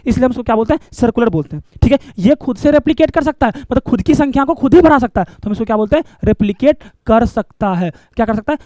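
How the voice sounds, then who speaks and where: A man's voice: extremely high pitch, a little mellow, no room sound, clean studio sound. A male biology teacher, lecturing a class and coaxing answers by asking questions and repeating key terms.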